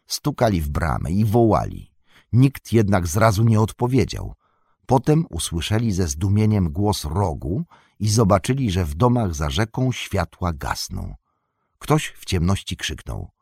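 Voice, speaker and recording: A man narrating an audiobook in an expressive, lively way. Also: low voice, husky, no room sound, studio quality.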